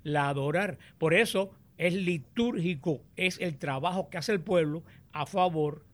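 A man teaching on the Bible, explaining and reading scripture aloud in a deliberate, explanatory way. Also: a little high.

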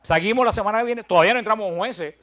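A man's voice: sits high, very fast, a bit bright. An older man teaching a Bible study, counting out his points with emphasis and telling self-deprecating stories with humor.

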